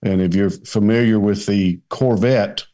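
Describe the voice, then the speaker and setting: A middle-aged man with a West Kentucky twang, chatting as a podcast guest in a folksy, halting way. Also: on the low side, fairly even intonation, dark tone. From Kentucky, United States. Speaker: podcast guest, men's ministry leader. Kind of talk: casual conversational interview.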